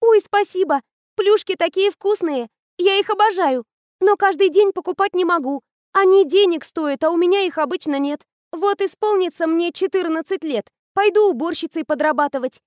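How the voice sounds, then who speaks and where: A woman voicing a sly teenage girl who feigns sweet innocence, speaking in a high, wheedling, falsely timid way. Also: moderate pace, no echo, studio quality. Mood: gushing.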